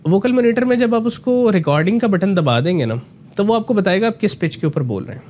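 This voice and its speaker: Man explaining voice technique, slightly high. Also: lively intonation, fast, a little mellow, slight background noise. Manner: explanatory, mixes in English phrases, frequent "ना" tags. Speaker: voice coach. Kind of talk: conversational voice lesson.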